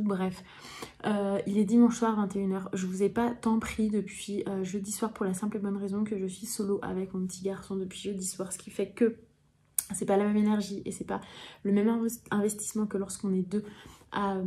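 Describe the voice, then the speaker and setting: A woman's voice: medium pitch, mellow. A tired young woman from France, chatting at home about her books, with many hesitations and restarts. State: tired, yawning. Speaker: book vlogger. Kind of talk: casual chat to camera. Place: home, indoors in the evening.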